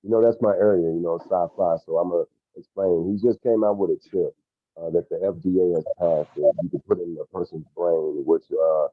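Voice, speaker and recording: Deep man, muffled as if through a wall. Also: fairly even intonation, a little fast, dry recording. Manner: rambling, with many fillers. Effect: muffled, as if heard through a wall. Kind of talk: casual chat. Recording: muffled phone-like mic.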